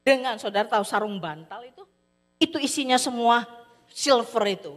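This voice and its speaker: A woman preacher telling a story in a sermon, animated, acting out the characters' voices. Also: on the high side, moderate pace, soft background music. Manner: animated, acts out characters' voices, addresses listeners as "saudara". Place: church hall. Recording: long hall reverb.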